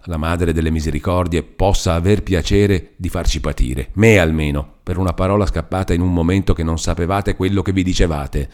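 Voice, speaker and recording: A man's voice: sits low, darkish tone, lightly acted. A man reading aloud voices a hurt, stubborn young man who speaks in an impassioned, reproachful way. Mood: insistent.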